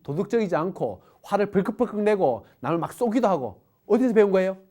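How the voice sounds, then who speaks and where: A woman's voice: mid-range voice, animated, quick pace, mellow. A middle-aged woman giving a parenting lecture, asking the audience rhetorical questions. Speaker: parenting educator.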